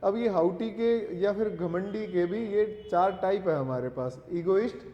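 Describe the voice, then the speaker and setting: A man teaching English vocabulary in Hindi, dictating words slowly for notes and correcting pronunciation. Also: high voice. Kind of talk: classroom lesson explaining vocabulary in Hindi. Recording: echoey room, dull lo-fi sound.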